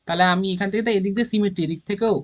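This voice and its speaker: A man's voice: high-pitched, very fast. A man with a Bengali accent explaining organic chemistry naming, thinking aloud and counting carbon atoms step by step. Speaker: chemistry teacher. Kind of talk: informal classroom lesson.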